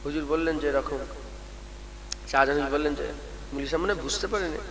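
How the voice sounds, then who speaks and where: A man preaching a sermon at a large gathering, moving from calm teaching to loud chanted exhortation and calling on the crowd to respond. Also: a little high, fast, slight background noise. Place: large outdoor religious gathering. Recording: long reverb from a public address system, loud crowd.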